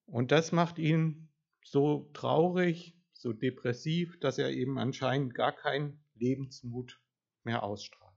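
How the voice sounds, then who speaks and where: Gravelly-voiced man giving a chatty sermon. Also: mid-range voice, steady tone, slow, a little mellow. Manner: conversational, asks the congregation questions. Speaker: preacher. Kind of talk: informal sermon with audience questions. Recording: dull lo-fi sound.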